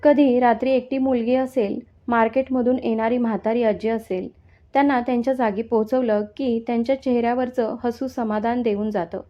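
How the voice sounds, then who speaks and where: A woman narrating a first-person story in a calm, steady reading voice. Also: fairly high pitch, moderate pace. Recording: dull lo-fi sound.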